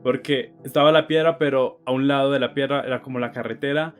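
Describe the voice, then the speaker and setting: Animated young man telling a storytime. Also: mid-range voice, quick pace, clear, resonant tone, soft background music. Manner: animated, joking, swears freely. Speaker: vlogger. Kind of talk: storytime vlog.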